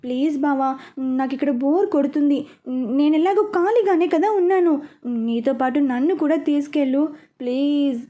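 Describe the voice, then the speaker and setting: A woman's voice: sits high, moderate pace, mellow, pitched above the performer's own voice, lightly acted. A woman voicing a sulky, dramatic young woman who pleads and whines like a child, in a storybook reading. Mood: whiny.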